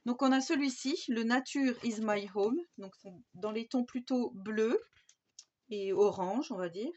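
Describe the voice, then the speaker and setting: A woman's voice: a little high, unhurried, warm tone. A woman from France in a casual scrapbooking haul video, chatting her way through craft paper pads with lots of fillers and restarts. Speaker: scrapbooking YouTuber. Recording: slightly dull home recording with faint background noise.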